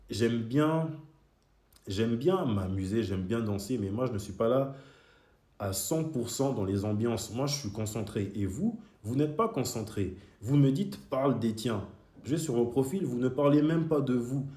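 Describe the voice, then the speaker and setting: This video creator grew up in Switzerland and confronts his critics directly, arguing hotly in a monologue. He has a mid-range, dark-toned voice, recorded in a room with noticeable echo.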